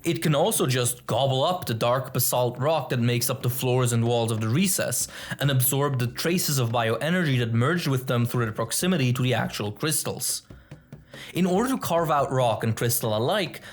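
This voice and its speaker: A man reading scripted nature documentary narration in a measured, formal, expository way. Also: medium pitch, animated.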